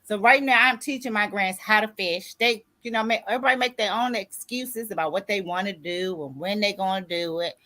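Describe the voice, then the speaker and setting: A woman's voice: mid-range voice, brisk, hardly any pauses, pushed and bright. Woman in her 60s giving a pep talk to writers, preachy, keeps checking ppl are following. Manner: preachy, repeats "you see what I'm saying". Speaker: contributing author and grief coach. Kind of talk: motivational talk.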